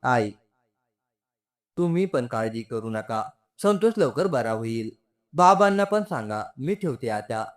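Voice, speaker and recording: A tearful young woman, remorseful and pleading, as a male narrator voices her. Her voice rises and falls in lively swings, with a steady mid-height tone. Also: medium pitch, unhurried. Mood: anxious. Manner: tearful, apologetic, begging.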